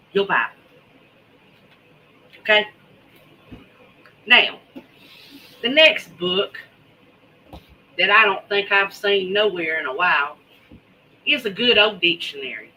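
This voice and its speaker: A woman's voice: mid-range voice, animated, takes it slowly, long pauses, sharp tone, rough recording. A woman chatting casually to viewers in a folksy, drawling way, repeating words for emphasis. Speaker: host of a homesteading preparedness vlog. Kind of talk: casual livestream chat.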